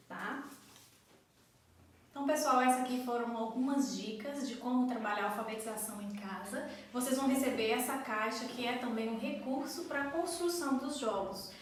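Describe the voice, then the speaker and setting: Brief: woman coordinator, slightly high voice, patient step-by-step teaching, distant mic in a very echoey room. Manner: patient, explains step by step, claps out syllables. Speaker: school coordinator. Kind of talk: instructional explanation for parents.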